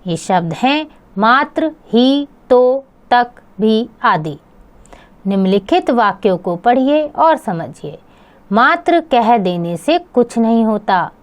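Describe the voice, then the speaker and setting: A woman narrating a grammar lesson for children, reading each term slowly and carefully. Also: fairly high pitch, big pitch swings. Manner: slow, measured, reads word lists one by one. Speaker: teacher.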